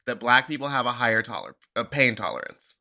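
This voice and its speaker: A man with an American accent, a host and drag performer, in casual comic chat with an animated, sweary manner. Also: mid-range voice, fairly quick, vocal fry.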